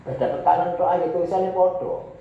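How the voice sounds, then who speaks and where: A man's voice: high voice, fast talker, vocal fry, slight background noise. A male Arabic teacher from Indonesia, giving a classroom lecture and explaining text he reads aloud with repeated examples. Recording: echoey, dull classroom recording.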